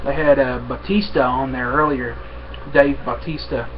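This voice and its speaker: A young man chatting casually to camera at home in an unhurried, halting, rambling way. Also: mid-range voice, steady tone. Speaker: vlogger, pipe smoker. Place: small room at home, indoors. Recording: dull webcam audio with faint noise.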